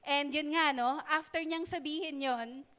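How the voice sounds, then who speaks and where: High-voiced woman preaching conversationally. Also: fairly even intonation, bright, forceful tone. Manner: conversational, halting, with many fillers and playful asides. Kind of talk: sermon in Taglish.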